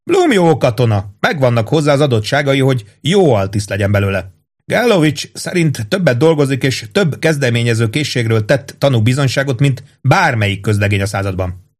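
A man's voice: mid-range voice, big pitch swings, pitched above the performer's own voice. A man reading an audiobook, voicing a pompous, fussy middle-aged army captain with a raised, insistent, self-satisfied voice. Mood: bossy.

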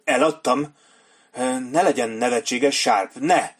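A man doing a panicky, pleading officer. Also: breathy edge. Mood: panicked. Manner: high, strained and pleading. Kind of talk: audiobook character voice.

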